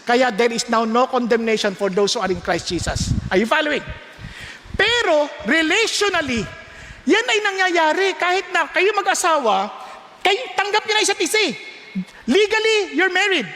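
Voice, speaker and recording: An older male pastor preaches a sermon in a large hall, switching between Tagalog and English and often asking the congregation questions. His voice is very high, bright, and forceful.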